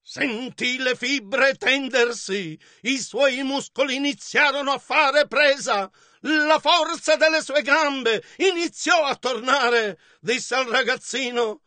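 A man interpreting a sermon line by line, echoing the preacher's fervor with shouts in places. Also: extremely high pitch, slow pace.

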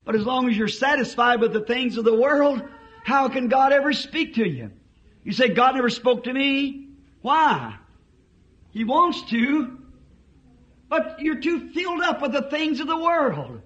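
Impassioned high-voiced preacher, lo-fi tape. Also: male voice, very animated, slow. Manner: impassioned, shouting at peaks. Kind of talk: fiery revival sermon. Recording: dull lo-fi archive recording.

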